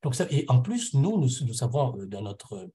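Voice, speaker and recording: On a conference panel, a middle-aged man from Réunion tells of his personal spiritual journey with a very animated, mellow mid-range voice at a moderate pace. Earnest and reflective, he repeatedly hunts for words and repeats himself as he goes.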